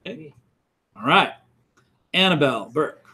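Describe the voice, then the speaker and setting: A man's voice: fairly high pitch, sing-song, a little slow, gravelly, sharp tone, slightly rough. A middle-aged man teaching a college class, talking casually with many fillers and restarts while he calls roll in a classroom. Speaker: college instructor. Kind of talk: classroom lecture, taking roll call.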